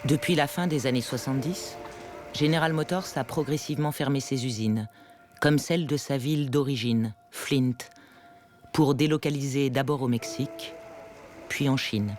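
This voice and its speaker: A man narrating a documentary in a measured, explanatory scripted voice. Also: mid-range voice, music in the background.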